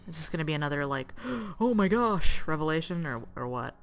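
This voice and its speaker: A woman's voice: low voice, expressive, a little fast. A woman voicing a blunt, skeptical young woman, a wary newcomer among rebels in a video game. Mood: dry, skeptical. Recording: music behind the voice.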